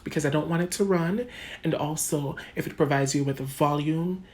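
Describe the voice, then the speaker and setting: Speaking at a normal pace in a low, darkish voice, this Jamaican-accented woman walks her viewers through a makeup tutorial under bright lights at home. She's a chatty, casual beauty vlogger who keeps addressing her audience as "guys" and laughs a lot.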